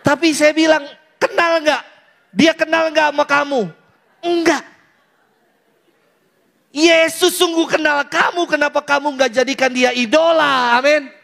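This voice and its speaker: High-voiced joking priest. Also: male voice, flat delivery, moderate pace, vocal fry, pushed and bright. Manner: playful, teasing, mimics youth in falsetto. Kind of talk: lively sermon to a parish audience.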